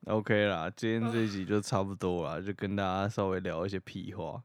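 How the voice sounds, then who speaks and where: Quick-talking young man, Taiwanese accent, lowish voice. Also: fairly even intonation, no room sound, clean studio sound. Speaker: podcast host. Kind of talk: casual chat.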